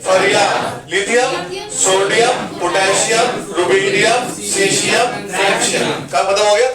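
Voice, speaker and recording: A man's voice: sits high, steady tone, a little slow, loud music behind the voice. A man teaching chemistry to a class, quizzing students and chanting memory lines for the elements. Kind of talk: classroom lecture with mnemonics. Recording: echoey room, mic far off, class noise.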